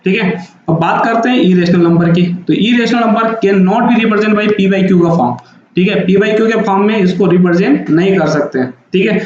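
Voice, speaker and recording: Patient and repetitive, this maths teacher goes over every point and checks understanding frequently in a classroom-style lecture. His voice is high and a little mellow at a normal speed, while the lo-fi recording sounds dull and very echoey, with slight background noise.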